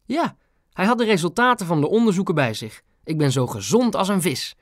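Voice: mid-range voice, animated, dry recording, clean studio sound, voice pushed up, natural voice. A narrator voicing a feisty, fussy old grandmother in a hospital bed, in an audiobook reading. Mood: chatty. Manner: quick, incredulous, fussy.

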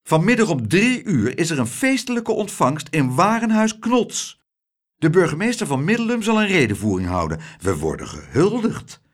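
A man voicing a brisk, excited woman announcing news in a quick, lively manner. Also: on the high side, pitched above the performer's own voice.

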